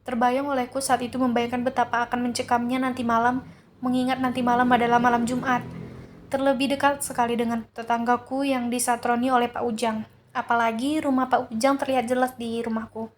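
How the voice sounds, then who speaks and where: Female storyteller, horror narration, higher voice, faint background noise. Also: flat delivery, fairly quick.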